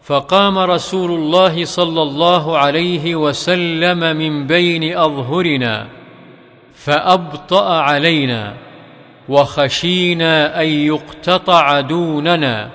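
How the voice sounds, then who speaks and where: A man reads hadith aloud at a slow, deliberate pace, his voice sitting a little higher than most men's. Some phrases rise into a melodic chant, and a long hall reverb trails after each line. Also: fairly bright tone. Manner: measured, careful reading. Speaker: hadith reader.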